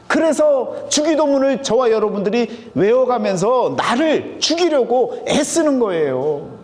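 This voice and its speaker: A male pastor with a Chungcheong Korean accent delivers a sermon in a church sanctuary, posing questions to the congregation and answering them himself. His voice sits high and is a little mellow. The recording carries long hall reverb.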